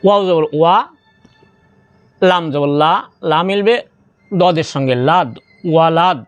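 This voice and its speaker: A man leads a Quran reading lesson. He speaks in a somewhat high, smooth voice and drills each syllable slowly, stretching the recited words. The sound is dry and close, with soft music behind him. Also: no echo. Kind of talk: spelling out Arabic syllables and explaining recitation rules.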